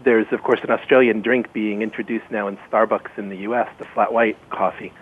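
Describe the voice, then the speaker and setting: A man's voice: lowish voice, fairly even intonation, a little fast, phone-quality sound, a little hiss or hum. A man speaking as a guest on a radio panel, hesitant and full of fillers.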